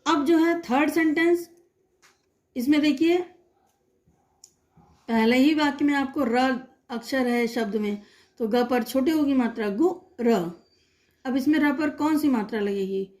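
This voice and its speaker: A young woman with a high, light voice guides young pupils through a lesson. She breaks each word into its sounds and repeats them patiently, asking simple questions as she goes. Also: darkish tone. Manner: slow, patient, spells words sound by sound. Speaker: teacher. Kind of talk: online primary-school lesson.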